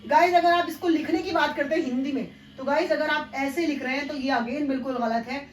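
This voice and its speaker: A woman teaching English pronunciation, spelling words out letter by letter and slowly correcting common mistakes. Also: sits high, reverberant, soft background music, poor audio. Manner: corrective, addresses viewers as guys. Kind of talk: spoken English pronunciation lesson.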